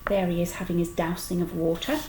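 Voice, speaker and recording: A woman reading a children's book aloud with expressive storytelling. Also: on the low side, fairly quick, slight background noise, poor audio. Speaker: storytime reader.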